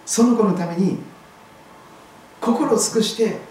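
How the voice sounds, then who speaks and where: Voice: medium pitch, takes it slowly, a little mellow, a little hiss or hum. A pastor giving a sermon, telling a scripture story vividly. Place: church hall. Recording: very echoey hall, voice far from mic.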